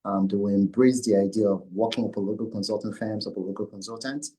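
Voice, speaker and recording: A man with a fairly low voice talks through interview questions as the firm's founder. He stops and starts often, leaning on fillers and repeating himself as he gathers his thoughts. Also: fairly even intonation, fast, mellow, husky, poor audio. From Nigeria. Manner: hesitant, many fillers and restarts. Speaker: company founder and CEO, guest. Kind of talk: conversational interview answers.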